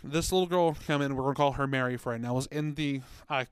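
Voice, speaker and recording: This podcast co-host, who used to work in children's ministry, talks quickly in a clean, mid-range voice. Earnest and conversational, he recounts a story for a faith show and performs the quoted lines. The recording is dry and close, free of echo.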